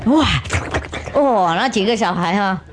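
A woman spiritual teacher telling a funny story to children in an animated, humorous way, with chatty asides. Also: medium pitch, unhurried, very noisy.

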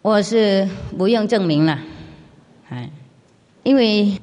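Her voice is mid-range and darkish, slow, with lively intonation. She's a foreign-accented woman from outside China, not a native Mandarin speaker, playing a spiritual master who fields questions casually in simple Mandarin and leans on rhetorical questions. The recording carries a large hall's long reverb.

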